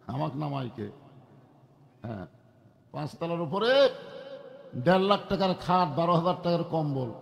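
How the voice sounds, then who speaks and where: High-voiced preacher with booming reverb. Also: male voice. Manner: calls for crowd responses, chanting slogans; rises to loud drawn-out chanted peaks. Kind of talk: Islamic waz sermon to a crowd. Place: outdoor religious gathering.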